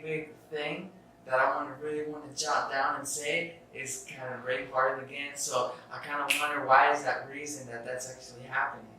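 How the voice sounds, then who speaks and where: A young man hosts a casual self-help podcast, his mid-range voice pushed and bright as he rambles through his thoughts, restarting sentences and swearing casually. He sounds far from the mic in an echoey room, with faint background noise.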